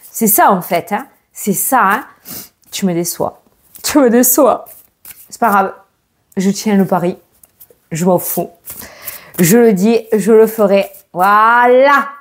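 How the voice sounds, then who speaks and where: A woman vlogger chatting casually to camera before a tarot reading, teasing her viewers and laughing often. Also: mid-range voice. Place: indoors at home, grey daylight.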